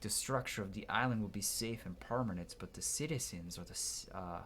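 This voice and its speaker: A man with a lowish, slightly bright voice talks fairly quickly over faint music. He's doing a playthrough, giving game commentary and reading the dialogue aloud dramatically, now and then stumbling and starting lines over.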